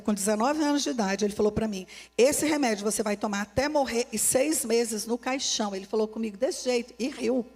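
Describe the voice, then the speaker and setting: In a reverberant church hall, a woman pastor from Brazil speaks with a Brazilian Portuguese accent and a slightly high voice. Her preaching is passionate and forceful, and she keeps repeating her central phrases.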